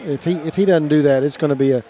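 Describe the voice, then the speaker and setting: A man's voice: a little high, fast, dark tone. A man giving casual color commentary at a basketball game, chatty and openly rooting for the home side. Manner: chatty, opinionated, leans toward the home team. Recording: noisy gym broadcast.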